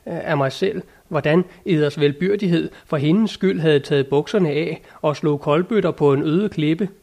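In an audiobook reading, a male narrator voices a blunt, folksy storybook squire in a fairly high, slightly mellow voice. The down-to-earth squire replies plainly and matter-of-factly, with no grandeur.

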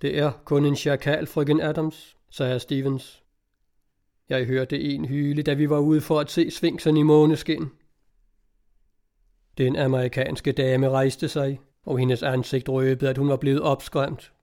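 A man's voice: on the high side, flat delivery, mellow. Man reading an audiobook with a lifted voice. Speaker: audiobook narrator. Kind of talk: scripted audiobook narration.

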